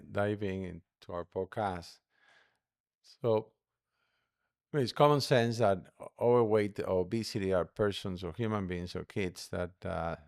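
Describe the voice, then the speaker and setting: A man's voice: low voice, creaky, a little mellow, no room sound, clean studio sound. A man hosting a medical podcast as a doctor, speaking hesitantly with many uh fillers. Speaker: podcast host, physician. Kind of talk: podcast interview.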